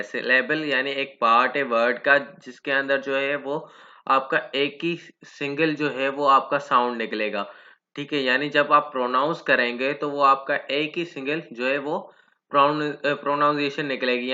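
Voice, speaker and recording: A man teaching a grammar lesson. He reads each English definition slowly, then explains it while asking and answering his own questions. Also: mid-range voice, steady tone, sharp tone, muffled recording.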